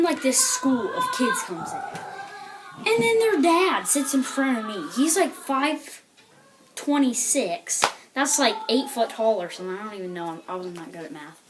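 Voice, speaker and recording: A woman's voice: fairly high pitch, noisy background. A woman telling a rambling stand-up comedy story, full of filler words like "like" and "you know".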